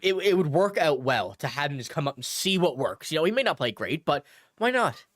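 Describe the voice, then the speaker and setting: A sports channel host who is a bit sick hosts a casual livestream, responding to viewers' comments in a slightly nasal voice. His pitch is a little high and varies widely, and he's very animated, brisk, and a bit bright. The audio is dry and close with no room echo.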